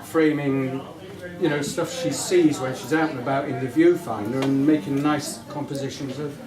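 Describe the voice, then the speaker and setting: A man's voice: mid-range voice, fairly even intonation, normal speed, crowd noise. A middle-aged man giving an informal, affectionate father of the bride speech in a hesitant, rambling way at a wedding reception. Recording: echoey room, distant mic, audience noise. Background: guests murmuring and laughing.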